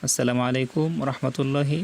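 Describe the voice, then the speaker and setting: A man with a Bangladeshi Bengali accent teaching Quran reading. He spells out syllables slowly and deliberately, and asks the viewers to repeat after him. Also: mid-range voice, level tone, vocal fry, a little mellow, slight background noise. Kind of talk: slow spelled-out recitation lesson.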